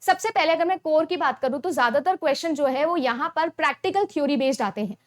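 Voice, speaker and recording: A woman's voice: high-pitched, animated, fast talker. A young woman teaching an exam-prep lesson, explaining step by step and often checking in with her students. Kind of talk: Hindi-English mixed lecture.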